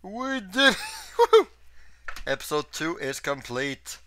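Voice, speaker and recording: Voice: mid-range voice, big pitch swings, takes it slowly, sharp tone, slight background noise. A streamer chatting casually over a visual novel playthrough, laughing and reading lines aloud. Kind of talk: casual let's-play commentary.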